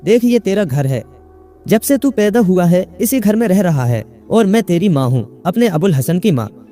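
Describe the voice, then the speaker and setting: A man reading a story, voicing a worried elderly mother who pleads with her confused son, pitched up high. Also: very animated, normal speed, warm tone, faint music behind. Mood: pleading worry. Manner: anxious, pleading, rising higher.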